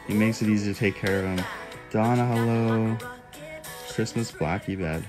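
Faint music plays in a small room as a young man, phone mic held close, casually reads and answers livestream comments one by one. He speaks at a normal speed with fairly even intonation in a voice a bit low for a man, playfully bursting into high owl hoots.

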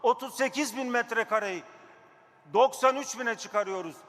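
A man's voice: very high-pitched, moderate pace, a bit bright. A district mayor speaking at a pulpit microphone in a council chamber, emphatic and repeating his key phrases. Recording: long hall reverb.

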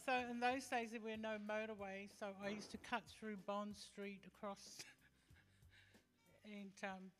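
A woman in her fifties from Tonga, talking as a guest in an on-stage interview, halting and full of fillers, holding a handheld mic. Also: medium pitch, level tone, soft background music. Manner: hesitant, halting with many fillers. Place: large hall with stage and audience. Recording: long hall reverb.

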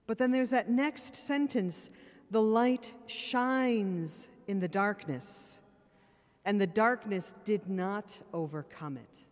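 Speaking slowly and without hurry in a mid-range voice, a woman priest delivers a sermon at a church pulpit microphone, her words fading into a long hall reverb. Her manner is earnest and plain, sprinkled with wry remarks, and she seems a little weary.

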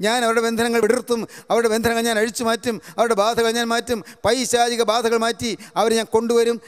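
A high-pitched, smooth male voice preaches a televised sermon with fervent, chant-like repetition, echoing each verse back after a reader. His delivery stays on one narrow band of pitch, and a long reverb trails his words. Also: monotone, brisk. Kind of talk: televised sermon with Bible reading. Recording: reverberant hall sound.

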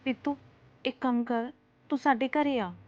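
A woman's voice: high voice, fairly even intonation, moderate pace, a little mellow, muffled recording, lightly acted. A young woman playing a frightened, tearful girl who pleads anxiously with her friend. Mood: pleading. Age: young adult. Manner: pleading, crying. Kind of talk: film acting.

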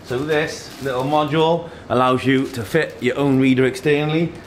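This man in his thirties speaks at medium pitch and moderate pace, with fairly even intonation. Hosting an easygoing tech unboxing in an office meeting room, he offers short phrases while handling boxes and products, amid echo, background noise and clatter.

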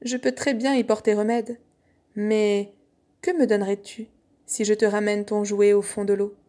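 A woman voicing an insistent frog in a fairy tale, in a high, sing-song calling voice. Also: flat delivery, normal speed, warm tone, lightly acted. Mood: coaxing.

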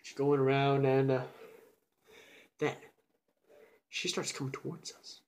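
A man's voice: medium pitch, measured pace. Young man telling a story animatedly. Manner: animated, with sudden whispers and shouts. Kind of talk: casual storytelling.

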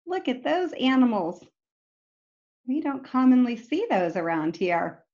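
Reading to young children in a bookshelf-lined room at home, a middle-aged storytime reader brings a picture book to life and speaks to her listeners with questions and asides. Her voice runs on the high side with a darkish tone, very animated yet slow. The audio is dull.

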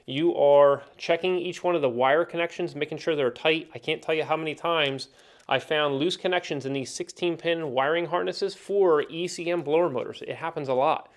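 Man explaining HVAC repair steps, slightly high. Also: moderate pace. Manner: plain, practical, steady explaining with fillers. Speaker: HVAC instructor. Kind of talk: technical training explanation. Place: indoor training room with whiteboard.

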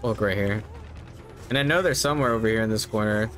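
Over loud music and clear game noise, a fairly low-voiced man in his thirties talks fast as he plays. He's a streamer giving casual live commentary, easygoing and musing to himself.

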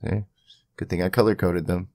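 A man hosting a laid-back software tutorial speaks in a low, gravelly voice at a moderate pace with fairly even intonation. He rambles slightly, reasoning aloud through each step on screen, and there's no echo.

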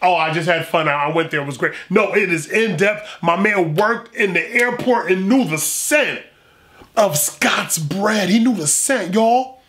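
This middle-aged man has a high, fairly bright voice and a measured pace. Hosting a food vlog from a small furnished room, he reads reviews aloud with playful, emphatic commentary and repetition, and the indoor room sounds echoey.

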